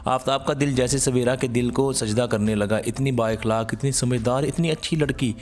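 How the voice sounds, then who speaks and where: A man narrating an emotional moral story in a slow, sorrowful storytelling manner. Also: mid-range voice, a little mellow, a little hiss or hum.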